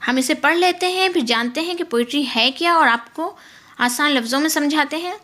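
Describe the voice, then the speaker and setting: A woman teaching a lesson on English poetry, explaining in Urdu-Hindi and reading the English text slowly and carefully. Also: high-pitched, pushed and bright. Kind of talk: lecture.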